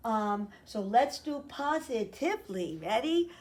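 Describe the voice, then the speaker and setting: A woman teacher giving a remote lesson to young children, explaining slowly and clearly. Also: a little high, very animated, a little mellow, a little hiss or hum. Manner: sings a slow chant and invites children to join.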